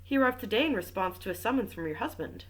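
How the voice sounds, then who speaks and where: A woman's voice: mid-range voice, animated, fast, a bit bright, low-quality recording. A woman voicing a formal, probing male French magistrate in a casual read-aloud of a mystery novel. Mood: questioning. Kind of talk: audiobook reading with commentary.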